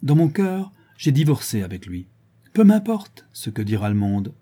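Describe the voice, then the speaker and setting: Here a man narrating an audiobook voices a mocking, proud woman, a worldly signora who scornfully teases the man courting her. His medium-pitched voice is mellow and slightly rough, moving at a normal speed with big swings in pitch.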